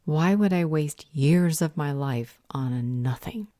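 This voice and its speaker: A woman performs a stern yet protective female vampire healer in an audio roleplay. Her low, dark voice is captured close up on a dry recording, and she delivers her lines with measured, earnest firmness.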